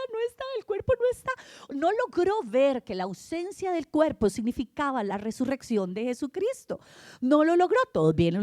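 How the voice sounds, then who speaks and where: A woman's voice: high voice, warm tone, no room sound, studio quality. A woman preaching an Easter sermon to a congregation, telling the story with animation, acting out voices and often asking her listeners "right?". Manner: acts out voices of the people in the story.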